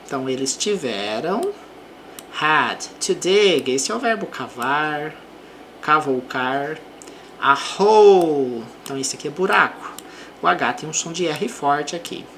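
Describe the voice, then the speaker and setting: A woman with a Brazilian accent teaching English, reading example sentences slowly and explaining them. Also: low voice, lively intonation, fairly bright tone, slight background noise. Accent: Brazilian Portuguese. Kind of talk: slow explanatory language lesson.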